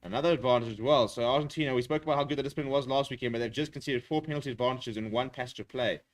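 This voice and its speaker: A man giving live rugby play-by-play for a watchalong stream, talking quickly with frequent fillers and rising excitement in the action. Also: medium pitch. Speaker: watchalong commentator. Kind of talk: live rugby commentary with chat replies.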